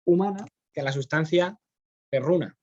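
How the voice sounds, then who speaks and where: A man's voice: on the high side, moderate pace, mellow, muffled recording. A man with a Spanish accent, teaching philosophy in a classroom, explaining step by step and often checking in with his students. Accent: Spain. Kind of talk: classroom lecture.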